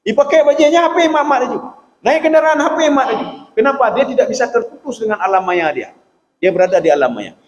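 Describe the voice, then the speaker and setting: A man preaches, his voice sitting high for a man. He talks in an animated way and keeps addressing his listeners directly. The sound rings through a roomy hall with a long tail of reverb. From Aceh, Indonesia. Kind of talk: sermon.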